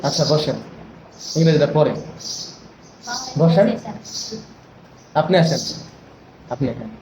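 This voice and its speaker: A man's voice: fairly high pitch, slow pace, darkish tone. A man leading a training session for teachers, coaxing and often asking for agreement. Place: training room. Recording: echoey room, dull lo-fi, noisy.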